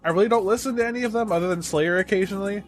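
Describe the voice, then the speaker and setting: A man co-hosts a podcast, chatting casually in a high-pitched, racing voice with faint music in the background. He's enthusiastic and profane, rambling along with plenty of fillers.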